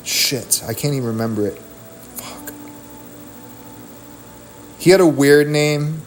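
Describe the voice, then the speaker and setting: A man's voice: fairly high pitch, normal speed, a little hiss or hum. Profane, ranting male streamer. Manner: heated, profane, rambling rant.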